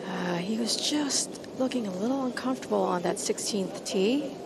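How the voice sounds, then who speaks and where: A female golf commentator reports conversationally from out on the course. Her mid-pitched voice comes through very loud outdoor background noise. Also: moderate pace, vocal fry. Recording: very noisy outdoor course ambience. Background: loud ambient noise.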